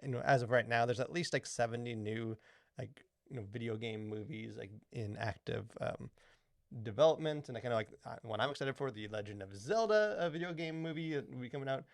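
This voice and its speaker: A man co-hosts a podcast, chatting casually and rambling with plenty of fillers like "like" and "you know." His mid-range voice moves a little fast with some vocal fry, and the studio-quality recording has no room sound.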